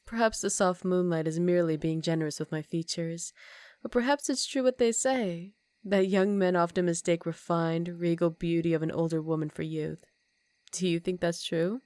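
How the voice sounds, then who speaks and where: A woman playing an ancient, aristocratic vampire countess in an intimate ASMR roleplay, speaking softly and formally with a teasing, condescending manner and some whispered phrases. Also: fairly low pitch, normal speed, no room sound, natural voice. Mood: teasing, seductive.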